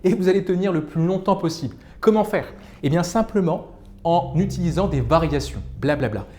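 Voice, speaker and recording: A middle-aged man teaching public speaking in a video lesson, demonstrating exercises with expressive shifts in pace and volume. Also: sits high, fairly quick, slight background noise.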